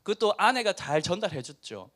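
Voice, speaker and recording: A middle-aged man with a Busan dialect preaches to a high school youth group. His voice sits high and swings widely in pitch. He tells the story animatedly and acts out its characters. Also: very animated, fairly quick, a bit bright. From Busan, South Korea. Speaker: pastor. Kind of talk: youth sermon.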